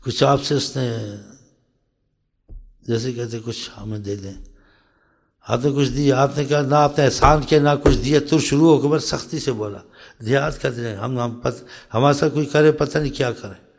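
A man preaching a storytelling sermon who speaks straight to his listeners, asks them rhetorical questions and often drops into soft, quiet asides. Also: medium pitch, creaky. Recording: long hall reverb.

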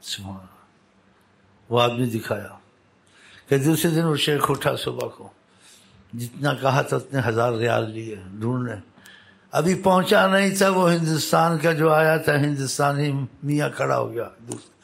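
A man preaching by storytelling, voicing the people in his tale with lifted pitch, with halting restarts and repetitions. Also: gravelly. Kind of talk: storytelling sermon.

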